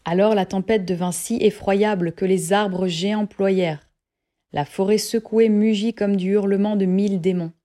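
A woman narrating a literary audiobook in a measured, even reading voice. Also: medium pitch.

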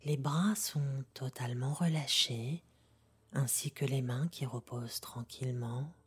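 Very low, breathy woman narrating sleep meditation. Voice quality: soft, breathy, half-whispered. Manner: calm, gentle, unhurried with long pauses. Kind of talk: soothing guided meditation narration in the manner of a sleep story narrator. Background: music.

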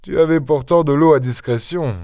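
A man doing a mocking gentleman burglar. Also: normal speed, no room sound, clean studio sound, natural voice. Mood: disgusted. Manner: teasing and ironic, with bright high flourishes. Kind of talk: audiobook character voice.

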